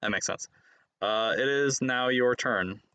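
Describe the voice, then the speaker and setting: A man streaming a card game, chatting casually, playful and teasing, sometimes breaking into excited laughter. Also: mid-range voice, a little slow, smooth. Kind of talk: casual chat while playing a card game.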